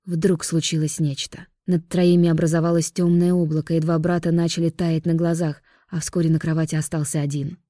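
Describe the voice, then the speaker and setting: A woman narrating an audiobook in a steady, even storytelling manner. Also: sits low, fairly quick, few pauses, no echo, studio quality. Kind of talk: scripted narration.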